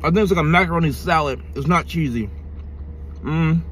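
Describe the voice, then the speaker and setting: A man's voice: a little high, a little fast, a bit bright, slight background noise. A man reviewing food in a casual vlog, talking slangily and thinking aloud while he chews with his mouth full. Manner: slangy, laid-back, thinking aloud between bites.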